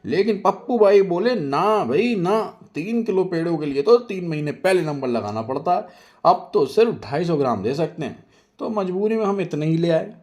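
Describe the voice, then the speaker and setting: A man voicing a loud, rude and boastful woman who scolds and taunts everyone in a storybook tale. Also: high voice, animated, moderate pace, pitched above the performer's own voice. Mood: taunting.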